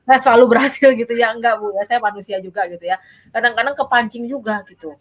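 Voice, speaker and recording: A woman child psychologist gives parenting advice in a casual talk, explaining patiently and keeping up a stream of tag phrases like "gitu ya." Her voice is a little high and she talks fast, on a rough recording.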